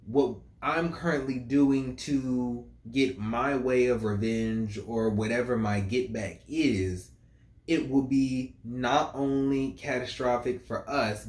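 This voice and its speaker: A man breaking down a song as a music reviewer, talking it through in a casual, musing way. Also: medium pitch. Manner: slow, musing, reads lyrics aloud. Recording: roomy, echoey room.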